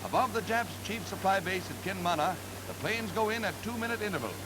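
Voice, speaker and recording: A man narrating war footage in brisk, emphatic 1940s newsreel style, with old newsreel sound. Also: high-pitched, heavy background noise. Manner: brisk, emphatic announcer delivery. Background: loud music.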